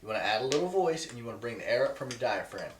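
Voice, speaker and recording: A man's voice: mid-range voice, sing-song, racing, a little hiss or hum. A man presenting an instructional video to viewers, emphatic and repeating key points for stress. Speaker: presenter teaching goose calling. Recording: echoey, roomy sound.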